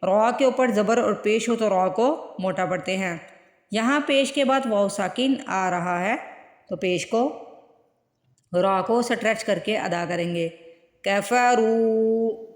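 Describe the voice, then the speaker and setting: Woman, recitation teacher, patient step-by-step explaining, echoey room, long reverb. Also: medium pitch. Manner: patient, repeats words slowly to model pronunciation. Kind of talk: step-by-step tajweed lesson.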